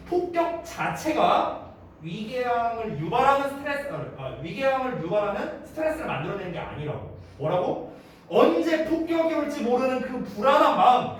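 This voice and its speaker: 반복하며 설명하는 남자 영어 강사. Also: male voice, high-pitched. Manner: explains step by step, repeats key words, asks students rhetorical checks. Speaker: English teacher. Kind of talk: online lecture to high school students. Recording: roomy, distant mic with faint hiss.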